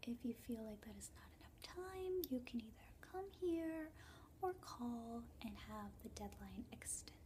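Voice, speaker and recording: Slow library whisper from a young woman. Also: a little high, lively intonation. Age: young adult. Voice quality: soft, breathy library whisper. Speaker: librarian in an ASMR library role-play. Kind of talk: whispered role-play. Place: indoors, small book-lined room. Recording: noticeable background noise, clicks.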